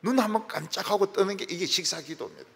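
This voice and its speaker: A man preaching a sermon as pastor, animated and joking, acting out everyday phone calls and prayers. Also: sits high, quick pace, vocal fry, slightly rough. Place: church sanctuary. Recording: reverberant church hall.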